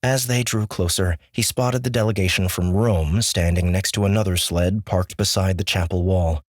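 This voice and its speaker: This is scripted audiobook narration from a male narrator whose deep voice sits low. He keeps a measured, steady delivery, captured dry and up close with no trace of the room.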